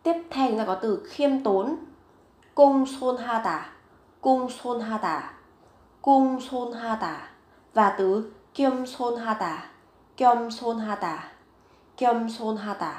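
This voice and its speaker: A woman teaching a vocabulary lesson, saying each word several times, slowly and clearly. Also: on the high side, a little mellow, echoey room. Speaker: Korean language teacher.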